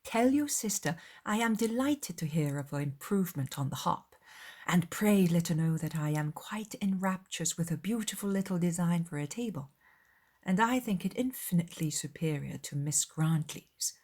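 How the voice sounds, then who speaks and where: Period audiobook role: woman as fawning young lady of society, affected, flattering, effusive. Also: on the low side, normal speed. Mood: gushing, flattering. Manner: gushing, affected.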